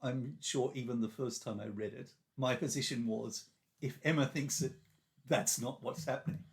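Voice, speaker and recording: A man joining a literary podcast as a guest, talking in a low-key, casual way. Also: normal speed, vocal fry. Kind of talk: casual chat.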